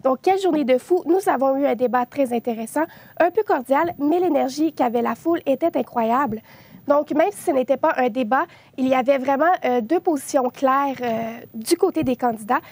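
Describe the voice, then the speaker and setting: A young woman delivers a news report on social media reactions. Her voice sits quite high, and she stumbles and fills pauses often as she goes. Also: a little mellow. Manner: hesitant, many filler sounds.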